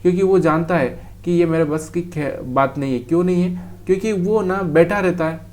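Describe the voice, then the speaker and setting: Trading tutor: a man, slightly high voice, explaining charts casually and talking straight to the viewer. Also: fairly quick, darkish tone. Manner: talks straight to the viewer, calls them brother. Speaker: trading teacher.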